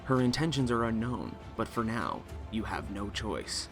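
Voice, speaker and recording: A man's voice: fairly low pitch, lively intonation, moderate pace, over music. A man reading scripted, dramatic lore narration in a solemn, formal storytelling manner. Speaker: narrator of a game lore video.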